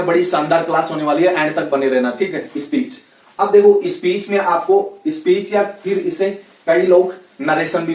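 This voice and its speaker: A man's voice: fairly high pitch, darkish tone. A man with a Rajasthani Hindi accent teaching English grammar in a casual classroom lecture, chatty and constantly checking in with "okay, right?". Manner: chatty, repeats "ठीक है, है ना" constantly. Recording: echoey room, voice a bit far from the mic.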